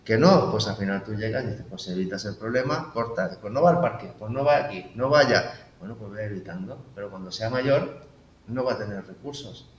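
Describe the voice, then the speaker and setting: A guest in a casual conversational interview, this man speaks briskly in a fairly low voice, reflecting aloud and quoting his own inner dialogue. The lo-fi recording comes from an echoey room with faint noise.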